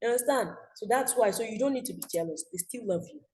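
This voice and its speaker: A woman's voice: fairly high pitch, animated, fast talker, darkish tone, low-quality recording. A young Nigerian woman teaching an online school class, chatty, often checking "you understand?".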